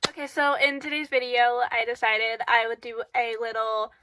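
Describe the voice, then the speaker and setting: A woman with a rather high voice hosts her own channel and gives casual advice in a rambling, filler-heavy way. Her tone is steady and her pace moderate, but a cold leaves her sounding stuffy and congested. The low-quality audio comes from a camera in her bedroom.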